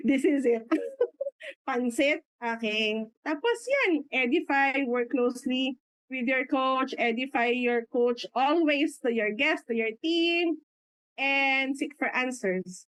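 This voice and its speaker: A woman's voice: sits high, expressive, takes it slowly, a bit bright, dry recording. A middle-aged Filipino woman giving a motivational business talk. She mixes in English, laughs often, and acts out quoted people. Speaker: business mentor.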